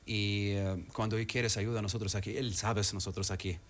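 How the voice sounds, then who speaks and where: A man whose first language is Arabic is a guest in a casual interview, speaking with an Arabic accent in halting, non-native phrasing with many pauses. His voice is on the low side with a level tone.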